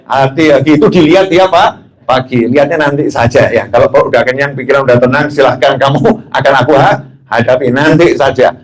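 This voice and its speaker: Indonesian preacher telling anecdotes. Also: male voice, mid-range voice, brisk, rough recording. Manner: anecdotal and joking, asks the audience questions. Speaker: habib preacher. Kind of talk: religious talk.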